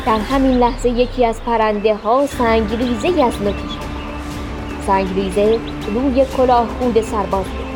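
A woman narrating a storybook with a clear, expressive reading. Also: a little high.

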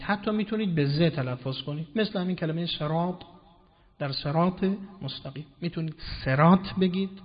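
A man's voice: on the high side, breathy edge. A man giving a formal, explanatory religious lecture and quoting Arabic verses. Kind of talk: religious lecture on Quranic wording. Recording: dull lo-fi recording with long hall reverb.

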